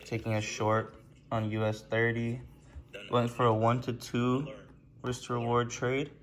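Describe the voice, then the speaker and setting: A man's voice: mid-range voice, little pitch movement, unhurried. A man talking casually to camera as a vlogger, addressing his viewers in a motivational, informal way. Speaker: vlogger and day trader. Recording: loud music over the voice. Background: loud music.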